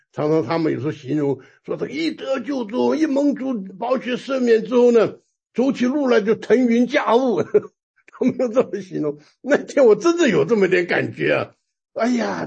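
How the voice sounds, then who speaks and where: Gravelly, husky man preaching with animation. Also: high voice, normal speed, muffled recording. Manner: animated storytelling, laughs often, repeats words. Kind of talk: sermon with personal testimony.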